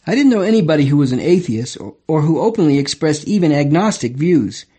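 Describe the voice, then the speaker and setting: Older man, slightly higher voice, wry and reflective memoir reader. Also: big pitch swings, a little fast, dark tone, breathy edge. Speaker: memoir narrator. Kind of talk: audiobook memoir reading.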